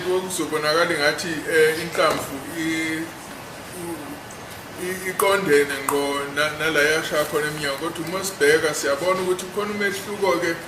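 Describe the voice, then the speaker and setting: A man with a South African accent interpreting in court during a cross examination, halting and repeating the starts of words. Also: fairly high pitch. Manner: halting, repeats word beginnings. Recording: echoey, noisy courtroom recording.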